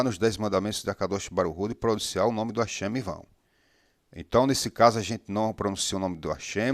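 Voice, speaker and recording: A man teaching Hebrew reading step by step. He is patient, sounds out syllables slowly and keeps checking in with the listener. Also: lowish voice, no room sound, studio quality.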